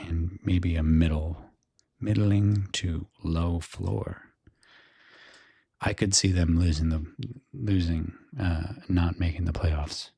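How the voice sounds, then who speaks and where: Very deep, soft-spoken American man, gravelly. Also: no echo, studio quality. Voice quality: soft, breathy, husky. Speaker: host giving a baseball season preview. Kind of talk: soft-spoken ASMR commentary.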